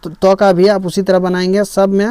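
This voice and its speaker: A male teacher walks through a lesson patiently, repeating each point. His voice sits high and sounds smooth and clear. The recording is dry and close. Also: completely flat delivery, normal speed, warm tone, dry recording. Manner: patient, repeats each step with frequent "theek hai". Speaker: Sanskrit teacher. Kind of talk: explaining a lesson slowly.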